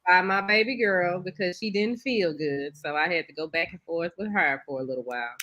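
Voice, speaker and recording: On a morning talk show, a female co-host tells a story in a casual, chatty way, animatedly acting out the dialogue. Her voice is lowish and a little fast, with a faint hiss or hum in the recording.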